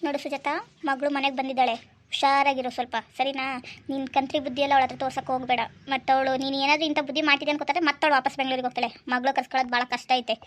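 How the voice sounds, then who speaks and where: A woman's voice: high voice, level tone, racing, a bit bright. A woman voicing a stern middle-aged father and husband who talks in blunt, scolding colloquial speech, for a cartoon. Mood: warning. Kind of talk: cartoon voice acting.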